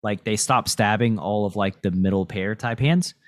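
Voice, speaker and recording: A man's voice: lowish voice, moderate pace, dry recording. Casual man on a dry podcast mic. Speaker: podcast host and poker coach. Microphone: close podcast mic.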